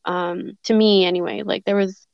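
A woman's voice: mid-range voice, fairly even intonation, moderate pace, vocal fry, no room sound, highs cut off. A woman being interviewed, telling a personal story in a reflective, hesitant way with many fillers and restarts. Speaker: guest.

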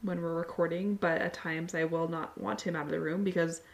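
Lower-pitched woman co-hosting a podcast. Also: fairly even intonation, a little fast, creaky. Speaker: podcast co-host. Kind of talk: casual podcast chat.

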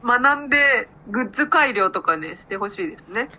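A woman's voice: fairly high pitch, lively intonation, brisk, sharp tone, poor audio. A woman from Aichi with a Nagoya accent, co-hosting a podcast in casual, playful chat with frequent laughter. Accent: Nagoya dialect. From Aichi, Japan. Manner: laughs often, playful teasing. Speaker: podcast co-host.

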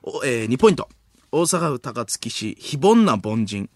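Lively young Kansai man on late-night radio. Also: mid-range voice, no room sound, clean studio sound. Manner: quick, playful, breaks into giggles. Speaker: radio comedy host. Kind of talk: late-night radio comedy, reading listener letters. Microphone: studio mic.

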